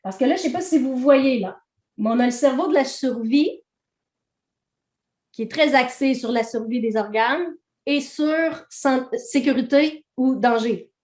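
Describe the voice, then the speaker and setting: A woman trainer with a Québécois accent speaks a little slowly in a slightly high voice, recorded in an echoey room. Teaching a training session, she explains ideas to a group in a relaxed, conversational manner and keeps checking in with her listeners.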